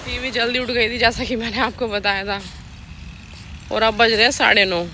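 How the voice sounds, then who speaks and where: A woman's voice: fairly high pitch, level tone, moderate pace, bright, forceful tone. A young woman chatting casually in a home vlog, talking to her small daughter between asides to the viewers. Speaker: vlogger mother. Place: outdoors in a park and streets. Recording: outdoor noise, traffic behind.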